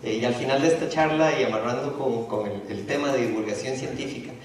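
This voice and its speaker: A man's voice: mid-range voice, fast, slight background noise. A middle-aged man from Ecuador giving a public lecture in a university auditorium, speaking hesitantly with frequent restarts and fillers. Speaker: speaker presenting a talk. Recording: echoey hall, distant from the mic.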